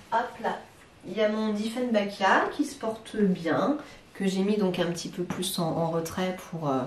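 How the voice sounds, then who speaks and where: A woman's voice: medium pitch, a little mellow. A woman from France chatting casually to camera about her houseplants, hesitant, with many fillers and restarts, recorded at home in her living room. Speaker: plant vlogger. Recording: roomy, from a distance.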